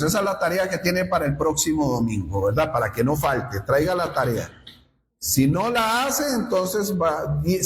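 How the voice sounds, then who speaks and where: Man preaching, high lively voice, slow unhurried delivery, rhetorical questions, roomy church hall reverb. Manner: rhetorical questions to the congregation, wide swings in pitch. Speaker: pastor. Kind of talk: sermon.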